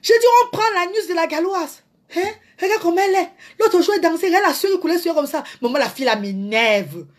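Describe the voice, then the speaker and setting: Woman, high voice, dramatic live-video ranter, mock tears and sudden hushes. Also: fairly quick. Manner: theatrical, mock-crying, wide swings from loud to hushed. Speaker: social media personality. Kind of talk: live video rant to followers.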